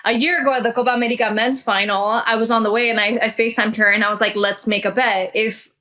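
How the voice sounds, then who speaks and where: A young woman co-hosting a casual show, animated and teasing, laughing easily. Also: fairly high pitch, very fast. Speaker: podcast co-host. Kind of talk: casual chat.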